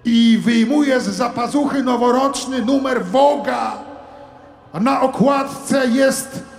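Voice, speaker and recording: A man delivering a satirical sermon monologue as a comic preacher, theatrical, moving from hushed asides to shouted preaching. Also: very high-pitched, slow pace, reverberant, in a large hall, soft background music.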